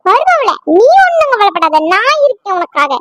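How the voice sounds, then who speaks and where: A performer with a childlike, squeaky voice, voicing a scolding, excitable mother-in-law in a cartoon family comedy. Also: moderate pace, slight background noise, heavily acted. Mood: reassuring. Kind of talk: exaggerated cartoon comedy voice acting.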